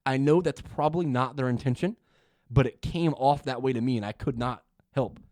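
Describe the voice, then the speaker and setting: A man's voice: mid-range voice, a little fast, darkish tone, no room sound, studio quality. A young man co-hosting a podcast, talking in a frank, easygoing way and laughing often. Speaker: podcast co-host. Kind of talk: casual chat.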